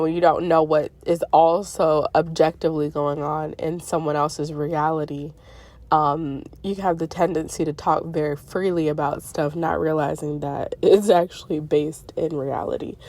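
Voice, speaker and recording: This is a casual, wandering monologue by a middle-aged spiritual vlogger talking about her dreams from a parked car. Her voice is low-pitched, congested and a little mellow, and she chats on with lots of fillers and self-corrections. No echo is audible.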